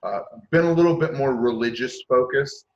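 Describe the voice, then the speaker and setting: Recorded through a dull lo-fi mic, this podcast guest in his late thirties has a mid-range, darkish voice at a moderate pace. He speaks frankly and reflectively in a casual chat, hesitating often and filling gaps with "uh."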